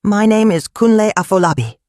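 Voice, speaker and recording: A storyteller voicing a calm, honorable wealthy young man in a folktale, speaking plainly and evenly. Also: medium pitch, no room sound, clean studio sound, natural voice. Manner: calm, plain, measured speech. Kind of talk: storybook narration.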